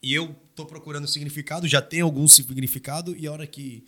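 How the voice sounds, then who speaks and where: A man with a bright, slightly high voice, chatting on a podcast into a studio mic. He gets animated as he argues, his voice climbing when he presses a point. It is relaxed, loose conversation. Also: fast talker. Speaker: podcast host. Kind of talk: casual podcast chat. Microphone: studio microphone.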